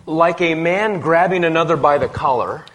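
Male preacher, slightly high voice, clipped emphatic phrases, waits on an interpreter between lines. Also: a bit bright. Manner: pauses phrase by phrase for translation, emphatic. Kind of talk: sermon with live interpreter.

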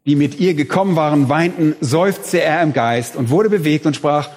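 A man's voice: on the high side, normal speed, darkish tone. A man preaching a sermon in an emphatic way, rising on key words. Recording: reverberant hall.

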